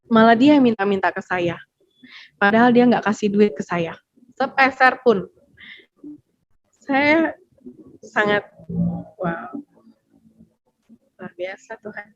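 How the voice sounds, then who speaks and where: Slow, halting woman telling her testimony. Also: mid-range voice, no echo. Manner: slow, halting storytelling with many fillers. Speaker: testimony guest. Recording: dull, dry sound.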